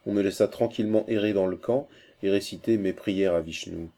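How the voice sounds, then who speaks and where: A man's voice: on the low side, fairly quick, dark tone, lightly acted. A man voicing a fierce, scornful messenger. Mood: scornful report. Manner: urgent, scornful, savage laughter. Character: fierce, vengeful male Indian messenger.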